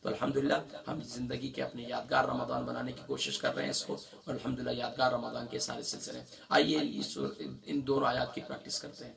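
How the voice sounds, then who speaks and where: Hoarse man teaching Quran recitation. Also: mid-range voice, expressive, a bit bright, recorded from a distance. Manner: spells syllables slowly, then explains quickly. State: sore throat. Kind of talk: spoken lesson with slow drawn-out recitation.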